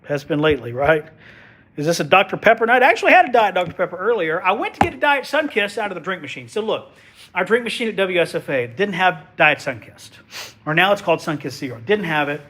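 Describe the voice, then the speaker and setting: A man with a high, sing-song voice talks at a quick clip, his tone fairly bright. He's a TV meteorologist doing casual livestream weather commentary, folksy and chatty, tossing out jokes while he sniffles through a head cold.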